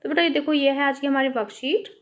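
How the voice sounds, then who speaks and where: A woman's voice: high voice, steady tone, fast talker. A woman teaching a children's worksheet lesson, asking and answering her own questions and spelling out words with careful pronunciation. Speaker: primary school teacher.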